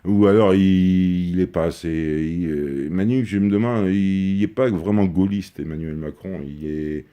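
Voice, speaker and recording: A man's voice: deep voice, moderate pace, warm tone, clear, resonant tone. A man in a rambling comic monologue, telling crude jokes in a confiding way as he records a video message to his daughter. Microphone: handheld camera close up.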